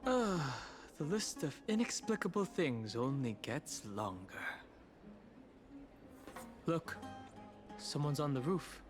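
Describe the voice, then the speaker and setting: Over game music, an actor gives a player character's voice: a wry young male traveler who hides his origins, speaking in a dry, slightly awkward way. His voice is a little high and very animated, and he talks slowly with frequent pauses.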